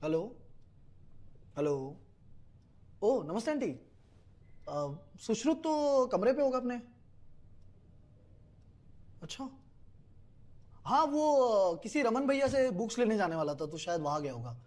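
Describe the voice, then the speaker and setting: A man's voice: high voice, very animated, slow, pauses often, darkish tone, full character voice. An actor playing a young male student who stammers anxiously and consoles a crying friend. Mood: worried. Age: young adult. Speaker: student preparing for entrance exams. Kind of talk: scripted series acting.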